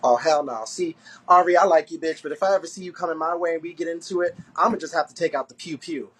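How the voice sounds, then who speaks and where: A man hosting a casual live-stream interview, asking excitable, profane questions. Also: fairly high pitch, fast, breathy edge, rough recording.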